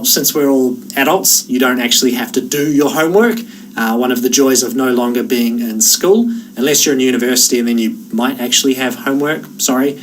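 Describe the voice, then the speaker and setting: A man with a Kiwi accent talks students through an online course in an easy, chatty way, now and then pausing on an "uh". His voice sits at an ordinary middle pitch. He sounds set back from the microphone, with a faint hum of noise behind him. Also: far from the mic, rough recording. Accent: New Zealand. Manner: relaxed, conversational, with frequent "uh" fillers. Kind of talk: course orientation talk to camera.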